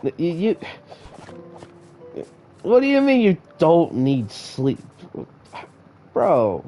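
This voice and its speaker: A man's voice: fairly high pitch, huge pitch swings, drawn-out words, mellow, faint music behind. A man who is sick, chatting casually to his live-stream chat while he plays, often stammering and repeating words. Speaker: live-streamer playing a block-building game.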